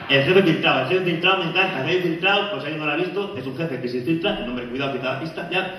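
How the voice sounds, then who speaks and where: A man's voice: fairly high pitch, very fast, background noise. A man León doing a stand-up comedy monologue, joking and acting out the voices of people in his stories on a stage before a live audience. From León, Spain. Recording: echoey hall, far off, audience.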